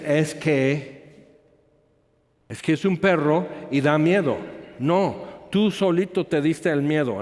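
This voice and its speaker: Man preaching in a reverberant hall. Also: fairly high pitch. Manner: storytelling with anecdotes and asides. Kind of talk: sermon.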